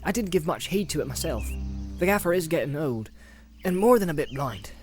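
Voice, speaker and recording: An earnest, rustic hobbit servant , put on by a male reader, deferential and homely in his speech. His voice rides high and full above the reader's usual tone. Soft music sits far behind. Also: very animated, brisk. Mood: flustered.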